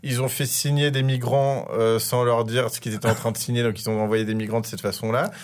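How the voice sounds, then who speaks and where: A man with a mid-range, level voice speaks a little fast as an author being interviewed on the radio. He explains things at length, fluently but with frequent hesitations and many "euh" fillers.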